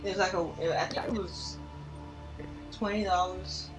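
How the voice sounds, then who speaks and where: A man's voice: high voice, level tone, unhurried. A man chatting casually on a live stream, telling rambling stories and laughing often. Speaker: stream co-host. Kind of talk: casual chat. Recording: echoey room with music behind.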